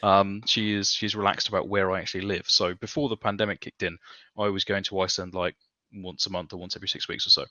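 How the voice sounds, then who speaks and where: A British man in his thirties chatting casually as a podcast guest, animated and self-deprecating. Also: low-pitched, fast talker, no echo, dull audio. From Coventry, England. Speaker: podcast guest, academic researcher. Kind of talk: casual, chatty interview answers. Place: home room, video call.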